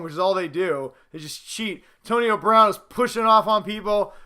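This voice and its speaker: A man with a high-pitched, forceful, bright voice hosts a casual sports show. He talks in an animated, sarcastic way and slips into mock-exasperated rants as he gives his commentary. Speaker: host of a sports picks show.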